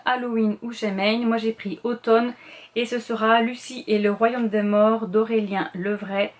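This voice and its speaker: A woman's voice: on the high side, darkish tone. A middle-aged woman presenting her reading list in a casual, rambling chat, full of fillers and self-corrections. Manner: quick talker, admits speaking too fast.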